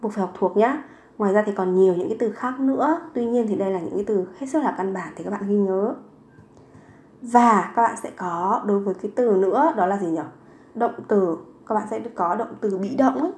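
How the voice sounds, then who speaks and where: A woman teaching a grammar lesson to learners. She is patient and says each word slowly more than once. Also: mid-range voice, a little mellow, echoey room. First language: Vietnamese. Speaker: Korean language teacher.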